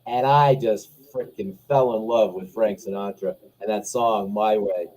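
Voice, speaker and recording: A man's voice: on the low side, steady tone, a little slow, a little mellow, poor audio. A man speaking as a pharmacist guest in casual show chat, blunt and opinionated, joking around.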